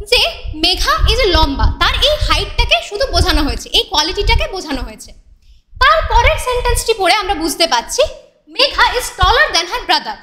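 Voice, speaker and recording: Bright high-voiced woman teaching grammar. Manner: patient, explains step by step, often asks the class questions; reads English example sentences slowly. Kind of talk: classroom grammar lesson, speaking to students. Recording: echoey room with faint noise.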